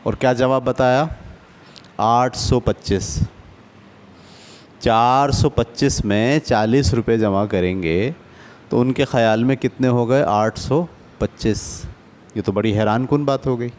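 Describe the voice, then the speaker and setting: A man's voice: mid-range voice, measured pace, a little mellow, a little hiss or hum. A man teaching a basic math lesson to adults, patient and often checking that the class follows. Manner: patient, asks checking questions.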